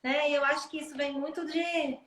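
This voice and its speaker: A woman's voice: high voice, steady tone, brisk, fairly bright tone, echoey room. A woman and mother chatting casually and comparing memory to everyday things. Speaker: mother, conversation partner. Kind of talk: casual chat.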